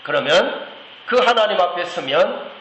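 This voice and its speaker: A man's voice: high voice, animated, a little slow, a bit bright, echoey room, slight background noise, low-quality recording. A man preaching a sermon earnestly, with frequent filler sounds and rhetorical "yes?" checks. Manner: acts out voices of God and of a praying believer. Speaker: pastor. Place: church sanctuary.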